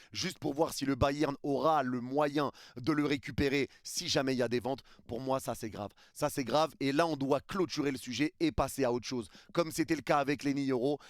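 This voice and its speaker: A man's voice: medium pitch, no room sound, clean studio sound. A man giving emphatic, opinionated football news commentary to his viewers, repeating his points. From France. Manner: emphatic, repetitive, addresses viewers as "les gars". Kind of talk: opinionated casual commentary to camera.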